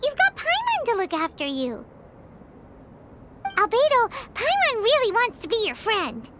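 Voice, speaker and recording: A woman voicing a tiny, excitable, childlike fairy companion in a video game, squeaky and exclamatory. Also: unhurried, noisy background, exaggerated voice. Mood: consoling. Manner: refers to self in third person, exclamatory.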